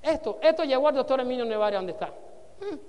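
This man's voice is very high-pitched and fairly quick, with lively intonation and a darkish yet clean tone. As a network marketing trainer at a motivational business seminar, he preaches and quizzes listeners into answering and repeating his words. The audio is dull, with a big-room sound.

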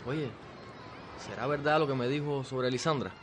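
A man's voice: mid-range voice, moderate pace, background noise, close to an everyday voice. Actor as a lovesick teenage boy.

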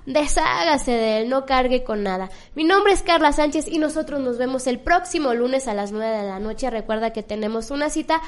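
A woman's voice: high voice, normal speed, few pauses. A woman hosting a talk show, chatty and fond of telling stories. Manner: chatty, storytelling. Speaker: podcast host. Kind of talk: casual chat.

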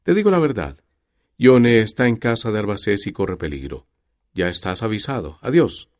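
An urgent young blind woman pleads her case in a raised, lively voice, as a male narrator puts her on. The delivery is hurried and insistent, the sound close and dry. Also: fairly low pitch, no room sound, pitched above the performer's own voice. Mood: alarmed.

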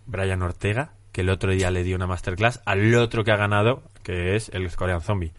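A man hosting a podcast, analyzing MMA fights in an animated, casual way. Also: low voice, fairly quick, no echo. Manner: animated, retells fights with acted-out quotes. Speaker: podcast host.

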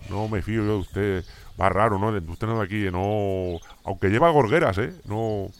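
A man's voice: lowish voice, moderate pace, slight background noise, close to an everyday voice. A man playing a suspicious rural shepherd in a comedy sketch, muttering rustic threats in colloquial speech.

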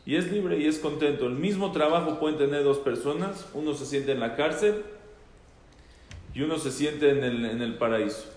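A man's voice: on the high side, normal speed, a little mellow. A man, teaching an informal religious class to a group. He talks conversationally, repeats phrases for emphasis and asks his listeners questions. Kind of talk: informal Torah talk to a group. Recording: echoey hall with long reverb.

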